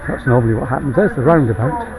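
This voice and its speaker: A middle-aged man, giving a casual, halting tour commentary while riding a bicycle outdoors. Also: mid-range voice, very animated, vocal fry, a crowd in the background, poor audio. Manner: halting, piecemeal delivery while cycling. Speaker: cyclist filming a guided ride. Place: outdoors on a moving bicycle, city streets and park. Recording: outdoor wind noise on microphone. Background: loud wind and traffic noise.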